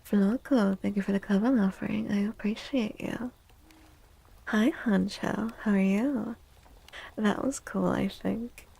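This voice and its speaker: This ASMR streamer, who also reads tarot, talks to her livestream viewers in a slow, husky, medium-pitched voice that is soft, breathy and often nearly a whisper. Her manner is gentle and playful, and she tends to repeat words and phrases quietly.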